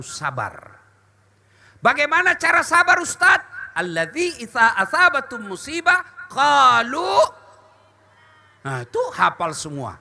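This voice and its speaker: Animated, bright-voiced male preacher. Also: extremely high pitch. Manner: jokey, animated, with sung verses and acted quotes. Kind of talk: humorous sermon.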